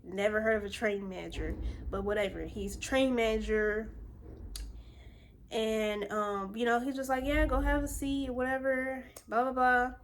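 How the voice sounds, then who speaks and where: A woman's voice: fairly high pitch, level tone, normal speed, a little hiss or hum. A woman in her twenties from Virginia tells a story in a casual, rambling way, full of fillers and asides. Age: 20s. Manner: rambling and chatty, with many fillers. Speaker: vlogger.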